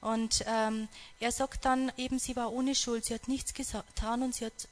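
A woman's voice: a little high, flat delivery, normal speed. A woman retelling a story in a devotional talk, earnest and reflective, often stopping and restarting her sentences.

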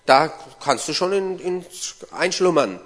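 A man interpreting a sermon line by line, following the preacher with quick restarts. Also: a little high, sing-song, fairly bright tone. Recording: long hall reverb.

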